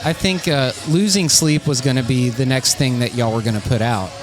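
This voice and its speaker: A man's voice: medium pitch, moderate pace. A man interviewing a band, enthusiastic and rambling with many fillers. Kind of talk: casual chat. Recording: loud bar with live music and crowd.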